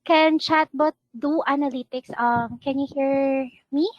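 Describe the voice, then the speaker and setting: Woman guest speaker, high voice, on a dull, choppy internet call with a bad connection, hesitant with lots of ums. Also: steady tone, unhurried. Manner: hesitant, with frequent um fillers. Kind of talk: answering audience questions in an online webinar. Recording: dull, lo-fi online call audio.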